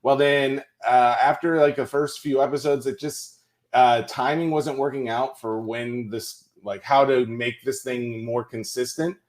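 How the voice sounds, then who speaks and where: A man from Tennessee speaks as a podcast guest, telling a long story in a relaxed, rambling way. His voice is at a middle male pitch. He fills his talk with little asides. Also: unhurried. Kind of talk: casual interview chat.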